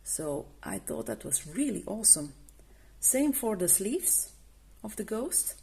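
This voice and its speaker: She speaks at medium pitch in a sing-song, slightly slow, gravelly and mellow voice. A coloring channel host and non-native English speaker, she's casually reviewing art markers, stopping often to begin her sentences again, hesitant and full of fillers.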